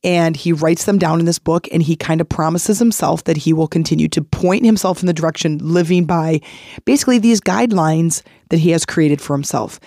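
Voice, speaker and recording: Middle-aged woman, hoarse and raspy, gravelly creak, mellow tone, encouraging podcast host. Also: sits low, no room sound, clean studio sound. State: hoarse from laryngitis. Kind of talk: motivational podcast talk.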